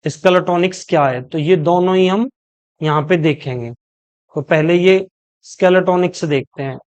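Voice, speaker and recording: A man from India teaching an exam-prep lecture. He explains step by step, keeps rephrasing himself, and reads English quotations slowly and deliberately. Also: high-pitched, a little mellow, smooth.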